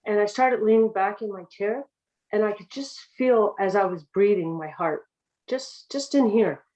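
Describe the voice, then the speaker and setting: A woman joining a group meditation over a voice call, calmly and reflectively sharing how she felt, with a few restarts. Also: mid-range voice, moderate pace, rough recording. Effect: heard over a group voice call.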